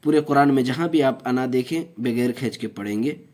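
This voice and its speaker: A man teaching Quran recitation step by step, explaining each rule slowly, then chanting the verses long and drawn out. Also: mid-range voice, a little mellow.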